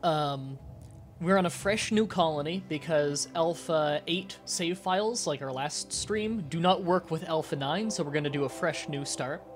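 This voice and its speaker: A man with a fairly high voice streams live, congested and nasal with a strip across his nose. He talks casually to his viewers in halting stretches, short of breath, with music playing along. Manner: halting, with pauses to breathe and throat clearing. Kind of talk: casual livestream chat to viewers.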